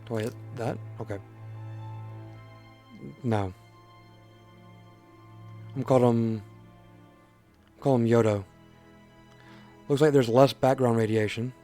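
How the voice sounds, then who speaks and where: A man's voice: mid-range voice, fairly even intonation, slow, pauses often, mellow, soft background music. A man hosting a let's play, reading a game's story text aloud in a plain voice and breaking off for joking asides. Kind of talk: casual game reading commentary.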